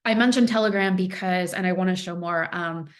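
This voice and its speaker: A threat intelligence analyst whose first language is Farsi presents a webinar briefing, earnestly stressing words and repeating phrases to drive her points home. Her voice is a little low for a woman, and she talks steadily and fairly quickly with the occasional "um".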